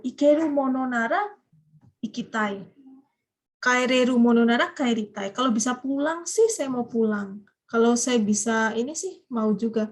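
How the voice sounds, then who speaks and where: A woman teaching a grammar class, patiently explaining and quizzing her students with drawn-out prompts. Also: a little high, darkish tone. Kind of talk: live class lesson.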